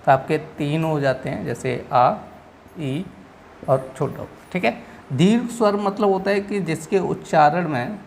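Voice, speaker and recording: A male teacher with a gravelly, slightly rough voice walks through exam answers in a patient, repetitive way. He keeps pausing to check in with his students before moving on. A faint hiss sits behind him. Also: fairly high pitch, a little mellow. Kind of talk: explaining exam answers in a lesson.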